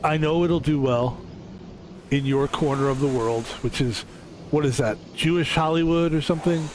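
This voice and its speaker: Young male streamer from Philadelphia, slightly high voice, casual rambling chatter. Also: moderate pace, slight background noise. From Philadelphia, USA. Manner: rambling, self-interrupting storyteller. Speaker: game streamer.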